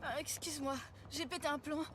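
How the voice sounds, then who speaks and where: A woman's voice: sits high, fairly even intonation, a bit bright, slight background noise. A woman playing an impulsive teenage girl in love, in a dubbed film scene. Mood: sheepish. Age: teens. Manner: impulsive, quick to flare up. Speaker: high school girlfriend.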